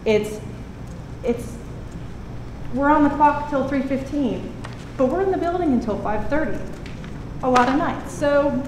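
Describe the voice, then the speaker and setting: A woman with a thin, squeaky, fairly high voice gives public comment at a meeting. She is informal, earnest and a bit nervous. The recording is echoey, with clear noise behind her. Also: expressive, unhurried, long pauses. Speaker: elementary school art teacher. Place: indoor public meeting room.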